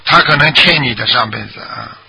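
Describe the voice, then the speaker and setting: A Buddhist master on a radio call-in show, explaining dreams to callers in plain terms and often checking whether they understood. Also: male voice, medium pitch, brisk, gravelly, bright, forceful tone.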